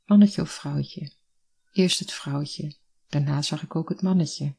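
The voice of a blunt young village man who loves birds, as a storyteller reads his lines. He speaks plainly and matter-of-factly with quiet earnestness. The tone is husky and a little breathy, at a middling pitch. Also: measured pace. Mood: earnest.

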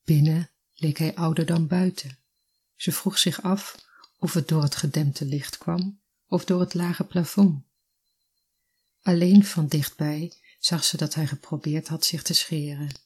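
A narrator reading a literary story in a calm, measured way. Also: mid-range voice, husky.

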